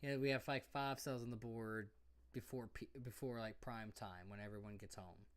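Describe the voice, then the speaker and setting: A man's voice: on the low side, fairly even intonation, moderate pace, clean tone. A young man chatting loosely on a podcast, circling back and repeating his points. He talks in casual slang, often throwing in "bro" and "you know what I mean". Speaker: podcast co-host. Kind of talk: casual drunken chat.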